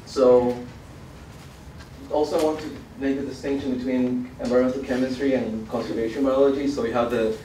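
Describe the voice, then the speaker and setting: A young man from Argentina, a student giving a conference presentation, halting with many fillers. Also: medium pitch, steady tone, mellow, a little hiss or hum. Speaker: student researcher. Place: college event hall. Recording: roomy hall, mic far off.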